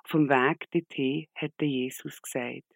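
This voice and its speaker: A man telling a Bible story to children in a calm way. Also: mid-range voice, normal speed, gravelly, no echo, studio quality.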